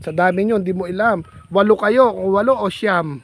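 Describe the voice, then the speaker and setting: A man's voice: high-pitched, moderate pace. A man vlogging outdoors in farm fields, chatting with a child in a playful, teasing, coaxing way. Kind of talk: casual teasing chat with a child.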